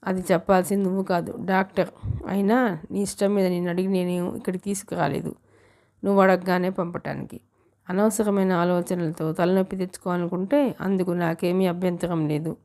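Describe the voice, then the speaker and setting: A woman's voice: on the low side, level tone, fairly quick, a little mellow, close to an everyday voice. A woman voicing a cold, curt man in an audiobook novel.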